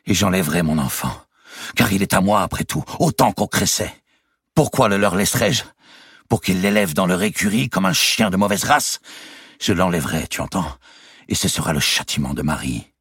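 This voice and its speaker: A man's voice: very deep voice, animated, moderate pace, a bit bright, breathy edge, dry recording, clean studio sound, heavily acted. A man voicing an angry, vengeful young man of twenty in an audiobook reading. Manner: heated and resentful.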